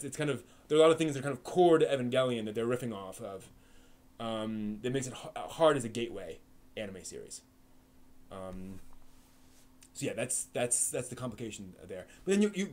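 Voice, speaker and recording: On his live stream, this man chats loosely with viewers and answers their questions, his mid-range, a little mellow voice animated and brisk. His talk wanders, with frequent fillers and false starts.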